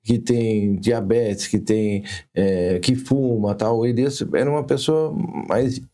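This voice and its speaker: A Brazilian man, a physician, explaining a medical case in a podcast interview in a careful, halting way. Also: lowish voice, dark tone. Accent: Brazilian Portuguese. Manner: explanatory, hesitant with restarts. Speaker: physician guest.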